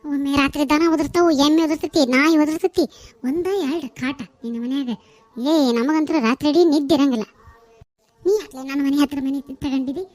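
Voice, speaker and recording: A woman's voice: sits high, fast, few pauses, faint music behind, lightly acted. A woman voicing a scolding neighbour with a North Karnataka accent. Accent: North Karnataka Kannada. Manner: scolding, sharp-tongued taunts. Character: nagging neighbour woman who complains about the noise. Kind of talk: cartoon comedy voice acting.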